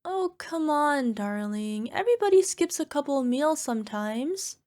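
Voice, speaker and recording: Voicing a tiny, sheepish cyclops girlfriend for ASMR, this actress sounds evasive as she coaxes and makes sweet, defensive excuses. She pitches her voice high and animated, with a darkish tone and a moderate pace.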